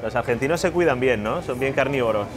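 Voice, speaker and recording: A man's voice: medium pitch, lively intonation, quick pace, over music. A man, working as a TV reporter and asking friendly, short questions. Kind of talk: TV travel interview.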